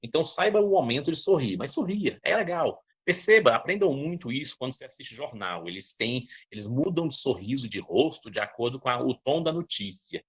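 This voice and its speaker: A man's voice: mid-range voice, slightly rough. A man from Brazil, teaching a lecture on public speaking, often checking in with his listeners. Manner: didactic, checks in with listeners, lively emphasis.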